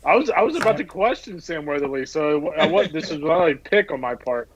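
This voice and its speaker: A man's voice: on the high side, expressive, a little fast, lo-fi sound, a little hiss or hum. A man musing aloud with questions on a live baseball panel.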